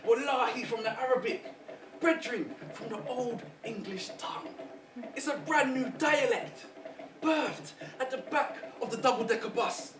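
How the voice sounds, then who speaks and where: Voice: medium pitch, noisy background. A performer doing a sly Jamaican trickster spider spirit. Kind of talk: spoken-word performance. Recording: roomy distant voice over music.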